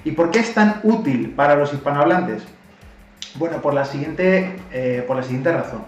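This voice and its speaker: A man's voice: sits high, reverberant, recorded from a distance, dull audio. A Spanish man with a Spanish accent, animatedly retelling a story and explaining a language-learning technique, acting out the quotes. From Spain. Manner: animated, acts out quoted lines with laughter. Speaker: YouTube language-learning host.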